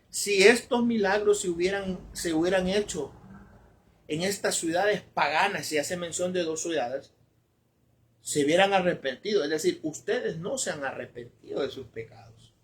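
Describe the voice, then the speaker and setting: Emphatic higher-voiced male preacher. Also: a little slow. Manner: emphatic, repeats phrases for stress; corrects himself mid-sentence. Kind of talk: sermon.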